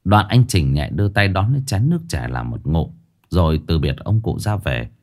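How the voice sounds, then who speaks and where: Low-voiced storyteller. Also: male voice, normal speed. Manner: expressive storytelling, acts out all voices. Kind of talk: ghost story narration. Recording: faint background music.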